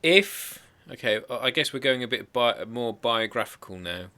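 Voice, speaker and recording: Male host, video-call interviewer; bright, forward tone, playful and chatty. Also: mid-range voice, lively intonation, normal speed. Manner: jokey, chatty questions to a guest.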